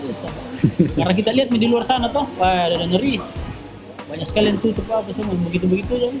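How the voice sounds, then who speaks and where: A man with a Makassar accent, the owner of a coffee shop, chatting in an interview and telling stories in a lively way with local fillers. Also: high-pitched, fast talker. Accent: Makassar Indonesian. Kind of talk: casual interview. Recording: music playing in the background.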